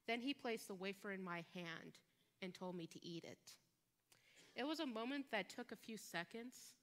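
A woman preaching a sermon as a guest preacher in a church, measured and emphatic, pausing on key words. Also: mid-range voice, fairly bright tone. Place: church sanctuary. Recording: long church reverb.

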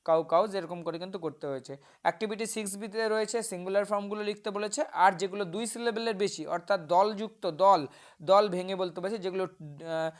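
A woman's voice: medium pitch, fairly quick. A woman teacher with a Bengali accent, explaining an English worksheet step by step, with hesitations and self-corrections.

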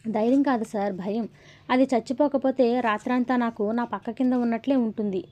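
A woman voicing a brisk, fearless young female student in a storybook reading. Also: a little high, steady tone, dark tone, lightly acted. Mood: uneasy. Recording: dull lo-fi audio.

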